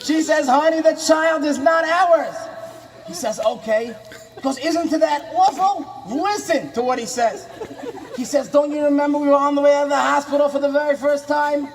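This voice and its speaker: A man doing a comic impression of an impassioned, warm, questioning rabbi, telling inspirational stories with dramatic, preacherly refrains. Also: very high-pitched, normal speed, a faint crowd, poor audio. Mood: dramatic storytelling.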